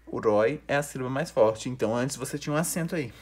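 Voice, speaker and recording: A young man teaches a recorded online review lesson on grammar. He explains slowly and carefully, often repeating key terms. His pitch sits in an ordinary middle range. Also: husky. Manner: explanatory, repeats and restarts words.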